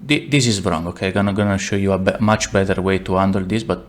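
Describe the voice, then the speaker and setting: A man with an Italian accent giving a casual software tutorial, rambling and blunt, with many fillers and self-mocking asides. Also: sits low, fast talker. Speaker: tutorial maker. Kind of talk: casual screen-recorded tutorial.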